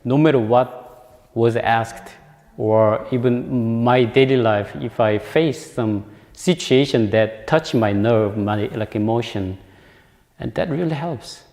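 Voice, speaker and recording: A man's voice: mid-range voice, takes it slowly, a little mellow. A man giving a dharma talk, hesitant and searching for words, often laughing. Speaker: meditation practitioner giving a talk. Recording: long hall reverb.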